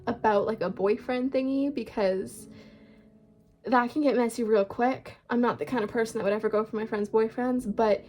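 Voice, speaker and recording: A woman's voice: a little high, fairly even intonation, normal speed, a little mellow. A young woman, rambling casually through a storytime chat at home, with lots of filler words and swearing. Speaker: book vlogger.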